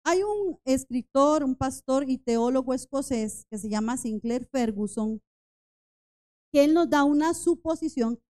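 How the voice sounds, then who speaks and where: A woman's voice: high voice, animated, a little slow, warm tone. A woman in her forties preaching a Bible study in a church, earnest and tired, often turning to the congregation with asides. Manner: earnest, repeats "hermanos" and "¿verdad?". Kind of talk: sermon-style Bible study.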